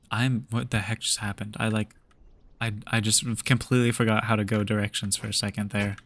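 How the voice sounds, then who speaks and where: A man's voice: on the low side, a bit bright, no room sound. A young man streaming a game, chatting casually with viewers in a laid-back, rambling way full of fillers and restarts. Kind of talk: casual chat while gaming.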